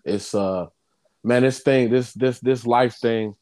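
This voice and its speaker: A man talking casually at an ordinary, middle pitch. He pauses often and keeps checking in with "you know what I'm saying" as he works through his thoughts. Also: darkish tone. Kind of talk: casual conversation.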